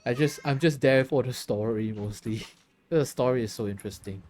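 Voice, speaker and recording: A man's voice: mid-range voice, normal speed, a little mellow. Tired, chatty male game streamer. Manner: chatty, laughs often, reads chat aloud. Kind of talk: casual chat while gaming.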